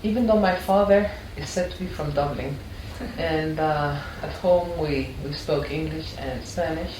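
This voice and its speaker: An older woman from Ecuador who spent years teaching art history recounts her life in a storytelling interview. Her low voice moves at a measured pace, earnest and reflective with frequent restarts. The distant mic picks up room echo and background noise.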